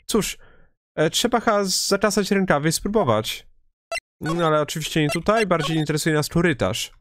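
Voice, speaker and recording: A hoarse man chatting casually through a let's play, full of fillers and asides. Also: fairly high pitch, moderate pace, noisy background. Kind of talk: casual game commentary. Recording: game music under the voice.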